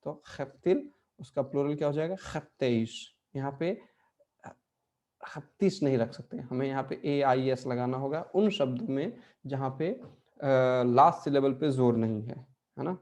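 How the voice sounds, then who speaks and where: Calm, mellow-voiced male teacher. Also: medium pitch, a little slow. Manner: explanatory, checks in often with "है ना?" and "ठीक है?". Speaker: Portuguese language teacher. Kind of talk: online language lesson.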